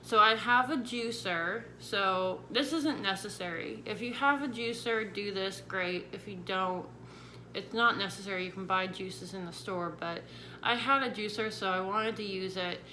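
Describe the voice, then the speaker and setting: A woman's voice: mid-range voice, normal speed, sharp tone, poor audio. A woman one week into jaw surgery recovery talks casually to viewers, explaining things in a chatty, informal way. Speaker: vlogger sharing surgery recovery tips. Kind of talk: casual vlog talk to viewers. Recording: clear background noise.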